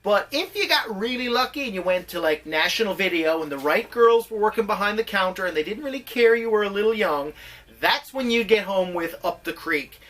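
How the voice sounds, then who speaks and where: Bright-voiced playful man. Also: sits high, lively intonation, a little fast, distant mic. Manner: playful, laughing easily. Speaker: podcast co-host. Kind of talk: casual comedic chat.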